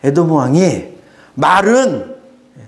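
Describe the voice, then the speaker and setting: A man's voice: fairly high pitch, sing-song, takes it slowly. A male pastor preaching a Sunday sermon in an earnest way, sometimes acting out quoted voices with a sigh or a mocking tone.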